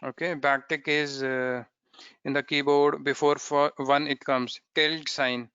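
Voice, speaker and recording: A man walks through a coding tutorial step by step, pausing to check in with his listeners. His voice is bright and crisp and a little higher than most men's. The recording is dry and slightly dull. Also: flat delivery, no echo. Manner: explains step by step, often checking with "okay?". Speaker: programming instructor.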